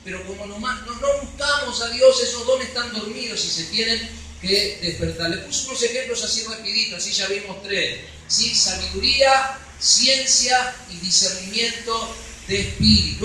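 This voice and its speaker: High bright Rioplatense pastor preaching in an echoey church. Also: male voice. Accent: Rioplatense Spanish. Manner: emphatic preaching, many rhetorical "¿sí?" checks. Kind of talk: sermon. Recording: echoey hall, voice from far off.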